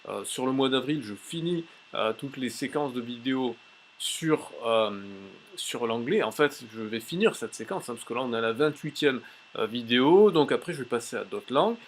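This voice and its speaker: A man teaching a language tips lesson in a casual, chatty way, pausing often with fillers as he shows a website on screen. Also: mid-range voice, lively intonation, slight background noise. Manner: chatty, many "euh" fillers and restarts. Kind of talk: casual tutorial with screen demo.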